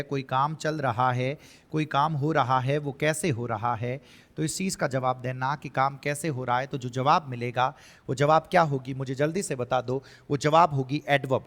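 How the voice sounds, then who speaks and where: A man's voice: mid-range voice, fairly even intonation, normal speed, fairly bright tone, in a large hall. A man teaching an exam-prep grammar lesson in Hindi with a lilt. He asks questions, answers them himself and voices his students' doubts.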